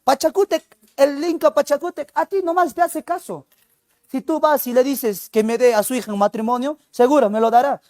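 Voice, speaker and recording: A man's voice: very high voice, brisk, darkish tone, no echo, clean studio sound, voice pushed up. A male teacher voicing a lovesick young Inca general who pleads in an earnest tone. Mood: pleading.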